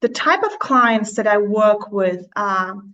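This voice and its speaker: A woman's voice: mid-range voice, animated, slow, fairly bright tone, poor audio. Chatty woman estate agent from Slovakia, casual interview talk, frequent fillers and self-corrections. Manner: chatty, many fillers and restarts.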